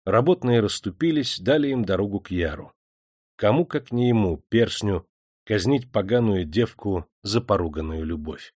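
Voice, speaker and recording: A man reading an audiobook in a measured, dramatic storytelling manner. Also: on the low side, lively intonation, a little mellow, no echo, studio quality. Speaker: audiobook narrator. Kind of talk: scripted narration.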